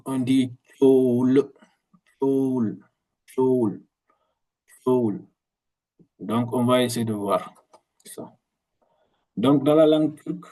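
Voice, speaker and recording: Slow, mellow-voiced male language teacher. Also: mid-range voice, poor audio. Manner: slow, repetitive explanations with frequent restarts. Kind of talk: video lesson.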